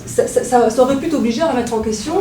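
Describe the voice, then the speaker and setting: A woman talks quickly and encouragingly in a group discussion. Her tone is soft and mellow, a little high. She sounds far from the mic in an echoey room. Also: a little hiss or hum. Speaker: discussion participant.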